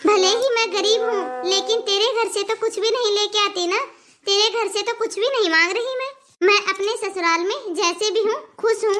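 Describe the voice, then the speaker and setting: A woman's voice: very high voice, bright, forceful tone. A woman voicing a patient, dutiful elder daughter-in-law in a cartoon, earnest and firm. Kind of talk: cartoon voice acting.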